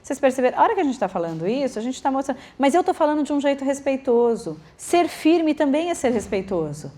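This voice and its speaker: A woman's voice: high-pitched, quick pace. A woman lecturing teachers and parents, acting out what children and adults say. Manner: lively, acts out quoted children and adults.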